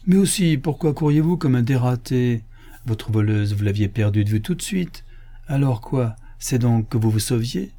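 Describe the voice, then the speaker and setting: A man's voice: medium pitch, animated, moderate pace, warm tone. A man voicing a brusque, dogged police inspector in an audiobook, insistent in manner. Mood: needling. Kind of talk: audiobook character voice.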